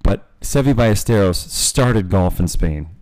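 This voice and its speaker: A man's voice: low-pitched, expressive, measured pace, a little mellow, dry recording, low-quality recording. A man co-hosting a casual chat, a teasing, chatty storyteller. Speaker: podcast co-host and golf dad.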